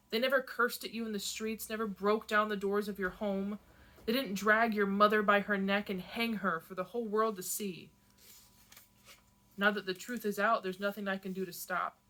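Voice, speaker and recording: A woman's voice: medium pitch, fairly bright tone, natural voice. A woman reading aloud as a young female rebel, heated and shaking with anger. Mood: grieving.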